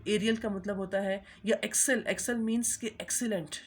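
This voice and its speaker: A woman lecturer giving a recorded marketing lecture. She reads English definitions slowly, then explains them, often checking in with "theek hai". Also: mid-range voice, fairly even intonation, breathy edge.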